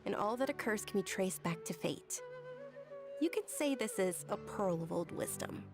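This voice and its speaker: An actress playing a gentle, courteous young woman in a game, soft-spoken and wistful. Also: mid-range voice, expressive, moderate pace, lightly acted. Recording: game audio with music behind.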